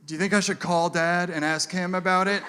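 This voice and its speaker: A man's voice: sits high, steady tone, fairly quick, slight background noise. A man voicing his worried, earnest adult brother, a fretting father, in a live comedy show. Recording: live show with loud audience laughter.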